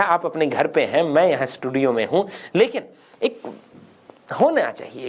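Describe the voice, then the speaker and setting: A man teaching grammar in a studio for an exam-prep lesson, emphatic and asking and answering his own questions. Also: fairly high pitch.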